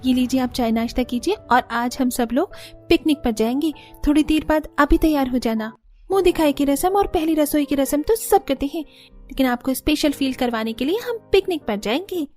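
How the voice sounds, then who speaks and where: Woman voicing a high, upbeat young sister-in-law in an animated story, soft mellow tone. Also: normal speed, faint music behind. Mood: cheerful. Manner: upbeat, coaxing.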